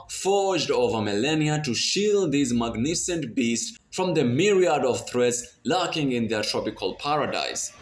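A man reading scripted nature documentary narration in a dramatic way with a playful edge. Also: medium pitch. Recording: roomy voice-over, faint noise.

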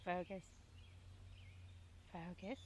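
Speaking very slowly in a fairly low, evenly intoned voice, a woman in her thirties leads a casual tour of her backyard vegetable garden for her gardening vlog. She talks into a phone held at arm's length, and the outdoor recording is noisy.

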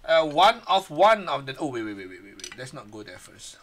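A man hosting a card break, casually reading out player names one by one, his voice a bit hoarse. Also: a little high, very animated, fairly quick, fairly bright tone.

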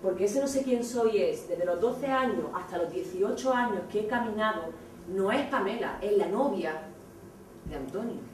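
A woman in her thirties with an accent from Spain, giving a blunt, animated theatrical monologue to students. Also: mid-range voice, normal speed, a little hiss or hum. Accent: Spain Spanish. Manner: animated, blunt, acts out scenes. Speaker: speaker addressing students. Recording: echoey hall from far off.

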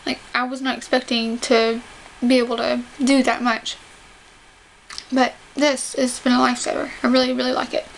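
A woman's voice: fairly high pitch, little pitch movement, normal speed, creaky. A young woman talking casually to camera, with restricted jaw movement as she speaks carefully through banded teeth. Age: young adult. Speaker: vlogger describing surgery recovery. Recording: noisy home camera audio.

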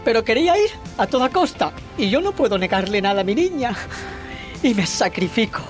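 A woman's voice: fairly high pitch, very animated, fairly quick. A doting, self-pitying stage mother sighs melodramatically, as a woman acts her out. Music runs underneath her in this comic sketch. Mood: melodramatic. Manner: melodramatic, sighing.

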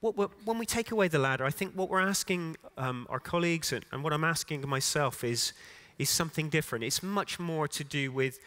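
A man's voice: on the high side, expressive, fairly quick, hardly any pauses, a bit bright. A middle-aged man giving an unscripted keynote talk on a conference stage, with frequent restarts and fillers. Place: conference stage in a large hall.

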